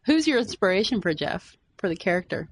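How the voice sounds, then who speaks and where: A woman's voice: medium pitch, very animated, fairly quick, husky, no room sound. A woman interviewing an actor in a chatty, enthusiastic way. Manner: chatty, enthusiastic fan questions. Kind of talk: casual interview chat.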